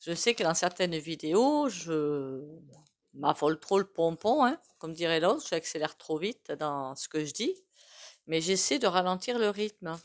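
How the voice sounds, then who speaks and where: Chatty French tarot-reading woman, low voice. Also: animated, measured pace. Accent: regional French. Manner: chatty, rambling, with many fillers and self-asides. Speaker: tarot reader. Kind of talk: casual tarot reading to camera.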